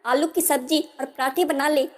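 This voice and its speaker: A woman's voice: high-pitched, fairly even intonation, normal speed, lightly acted. A woman voicing a bossy, commanding middle-aged mother-in-law in a storybook tale. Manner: commanding, scolding. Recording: long hall reverb.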